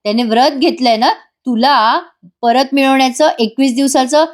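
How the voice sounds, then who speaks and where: A woman's voice: high-pitched, steady tone, moderate pace, close to an everyday voice. A woman doing a stern protective father. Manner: gentle but stern. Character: protective middle-aged father, stern toward son-in-law.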